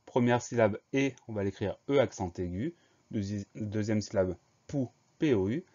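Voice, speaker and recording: A man teaching a spelling lesson, slowly spelling each word out letter by letter and explaining its grammar. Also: lowish voice, warm tone. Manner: slow, spells words letter by letter. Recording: slightly dull lo-fi sound.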